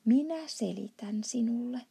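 Brief: woman reading a big kindly old giant, gravelly and husky, blustery storybook outbursts. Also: a little high, heavily acted. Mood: earnest. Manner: mangled grammar and made-up words, shouts in outbursts.

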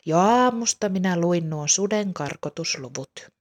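A woman reading as a gentle, patient mother. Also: on the low side, expressive. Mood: reassuring.

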